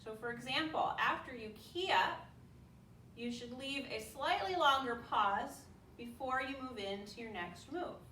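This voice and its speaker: A woman instructor explains technique to her students in measured phrases. Her voice is bright and slightly high. She is recorded in an echoey room. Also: expressive. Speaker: martial arts instructor. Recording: echoey room, distant mic, faint noise.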